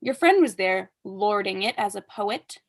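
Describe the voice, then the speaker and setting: Speaking a little slowly in an expressive, medium-pitched voice, a young woman performs as an arch, imperious aristocratic mother in a staged reading of a period comedy. Her haughty, witty character comes across as pompous and declamatory.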